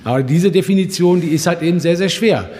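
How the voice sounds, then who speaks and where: A man's voice: on the high side, fast, darkish tone, long reverb tail, slight background noise. Male radio moderator asking probing questions. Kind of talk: radio panel discussion.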